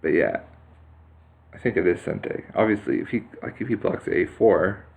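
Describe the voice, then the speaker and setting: Low gravelly guy slowly talking thru his go game, lots of uhs. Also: expressive, a little mellow. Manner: thinking aloud, hesitant, many fillers and restarts. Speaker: player commenting live on his own Go game. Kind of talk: casual live game commentary. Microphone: computer mic on a screen capture.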